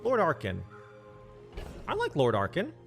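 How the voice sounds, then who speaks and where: A man's voice: a little high, wildly swooping pitch, unhurried. A man streaming a game, thinking aloud and muttering asides in casual commentary, with faint music behind.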